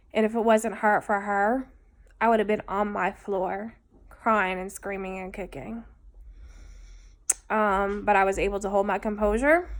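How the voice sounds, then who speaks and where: A woman recording a personal video diary, speaking in a heartfelt, halting way with many pauses and fillers. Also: medium pitch. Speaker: vlogger.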